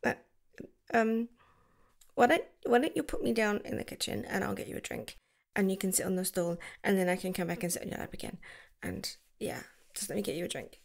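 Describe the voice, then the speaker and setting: Brisk and expressive in a mid-range voice, a woman plays an ASMR girlfriend. Her tone is affectionate and gushing, with slight vocal fry, and she slips into whispers at times.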